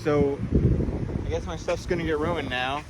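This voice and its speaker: Guy ranting into his phone outside, kinda high voice, lots of street noise around him. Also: fairly even intonation, normal speed. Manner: upset, rambling and repetitive. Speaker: vlogger. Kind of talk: casual selfie vlog. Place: outdoors in a city square.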